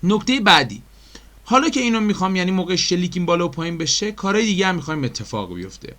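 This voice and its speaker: A man's voice: sits high, big pitch swings, a bit bright. Chatty Persian-accented man teaching animation. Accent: Iranian Persian. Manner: chatty, explains step by step with many fillers and rhetorical questions; addresses viewers as dear friends. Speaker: animation tutor. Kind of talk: screen-recorded software tutorial.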